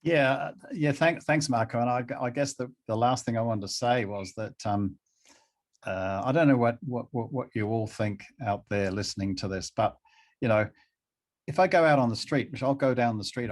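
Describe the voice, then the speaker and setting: Appearing as an interview guest, a middle-aged man speaks at a medium pitch in a conversational, halting way, frequently repeating phrases for emphasis.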